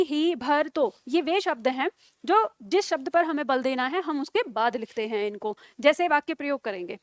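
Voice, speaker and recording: Woman teacher, high voice, dry close sound; patient classroom delivery, spells out examples slowly for dictation. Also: no echo. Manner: slow dictation with repeated words, checking questions. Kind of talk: classroom grammar lesson.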